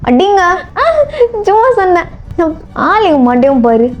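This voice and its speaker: A woman's voice: extremely high pitch, big pitch swings, measured pace, voice pushed up, full character voice. A woman voicing a flustered, cheeky young heroine in a storybook role-play, protesting and teasing back.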